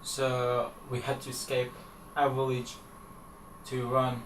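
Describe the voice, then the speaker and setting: A young man from Afghanistan answers interview questions haltingly, pausing on fillers. His medium-pitched voice is monotone with a fairly bright tone. He's recorded from across a small room, so the sound is distant and echoey with a faint hiss.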